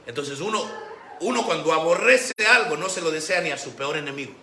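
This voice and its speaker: Bright-voiced preaching pastor, echoey church. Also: male voice, a little high, brisk. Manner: animated preaching, acts out quoted voices. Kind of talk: sermon. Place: church sanctuary. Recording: echoey church room with faint background noise.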